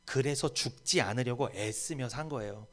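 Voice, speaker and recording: A man's voice: mid-range voice, normal speed, a bit bright. A man preaching a sermon as pastor, emphatic and rising to bold proclamations in a church. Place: church sanctuary.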